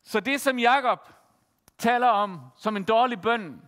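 A man preaching a sermon as pastor, telling a story in a measured way with frequent pauses and fillers. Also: very high voice, fairly bright tone. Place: church. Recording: church hall with long reverb.

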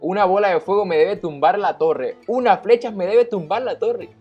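A man giving live commentary on his own mobile game match, excitable, repeating his phrases and yelping and cheering at the action. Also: high voice, normal speed, breathy edge, highs cut off, soft background music. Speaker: gaming YouTuber.

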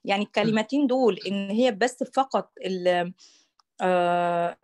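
A woman's voice: mid-range voice, normal speed, a little mellow. A woman student with an Egyptian Arabic accent, hesitantly and politely asking the teacher to explain a point again. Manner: hesitant, asks politely for repetition.

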